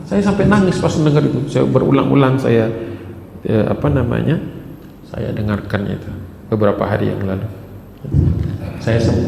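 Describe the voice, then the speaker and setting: Gravelly male preacher in an echoey mosque. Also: mid-range voice, darkish tone, slight background noise. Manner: conversational, personal, chanting Arabic verses slowly. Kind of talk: mosque study sermon. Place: large mosque hall. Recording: echoey mosque hall with reverb.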